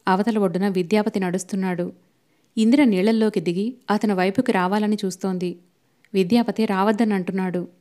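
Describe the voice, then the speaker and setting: Mellow-voiced woman narrating a novel. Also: medium pitch. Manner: steady, even storytelling. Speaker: audiobook narrator.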